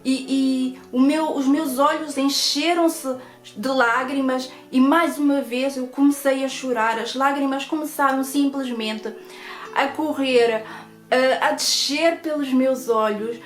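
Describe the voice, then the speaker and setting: A woman's voice: high-pitched, steady tone, slow. A woman with a European Portuguese accent sharing an earnest personal faith testimony and speaking to her viewers as friends. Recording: echoey room with faint guitar music. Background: soft guitar music.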